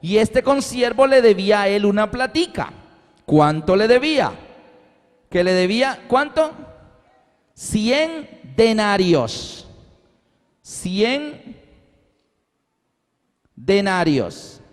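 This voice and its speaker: A man's voice: sits high, very animated, takes it slowly, long pauses. A man preaching a sermon, telling the story with animation and acting out the voices of the people in it. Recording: long hall reverb.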